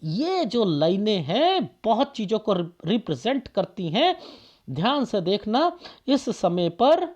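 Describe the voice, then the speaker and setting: A man's voice: high voice, very animated, takes it slowly, darkish tone. A man reading a palm aloud for viewers as a palmist, firing off rhetorical questions and repeating phrases for emphasis.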